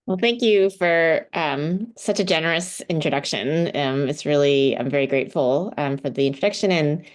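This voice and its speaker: Low-voiced woman giving a lecture talk. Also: moderate pace. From United States (Houston, Texas). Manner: conversational, thoughtful, hesitant. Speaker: guest speaker, political science professor. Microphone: video call.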